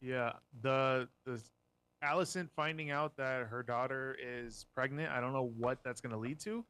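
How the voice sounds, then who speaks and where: A man's voice: medium pitch, steady tone, moderate pace, pushed and bright, clean tone. A man who is a podcast guest, talking casually and hesitantly, with many ums and trailing thoughts. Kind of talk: casual chat.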